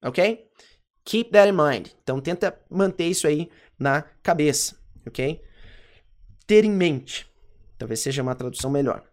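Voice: medium pitch, lively intonation. Casual Brazilian English teacher. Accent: Brazilian Portuguese. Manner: slows down and repeats English example phrases; casual, chatty explaining with slang tags. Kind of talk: recorded language lesson.

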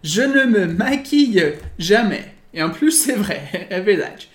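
A woman teaching a language lesson, explaining patiently and slowing down to read each example sentence. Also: medium pitch, animated. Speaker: French teacher. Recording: echoey room.

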